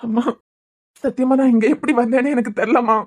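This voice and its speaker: A woman's voice: a little high, steady tone, a little fast, darkish tone, close to an everyday voice. A woman with a Kanyakumari Tamil accent voicing a polite, bewildered young man in a cartoon serial.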